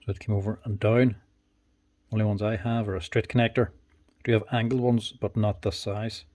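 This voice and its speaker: A man's voice: fairly low pitch, level tone, normal speed, a little mellow. A man giving casual workshop commentary as a tool repairer, thinking aloud in short, plain remarks. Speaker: power tool repairer and video host. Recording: clear background noise, clicks and clatter.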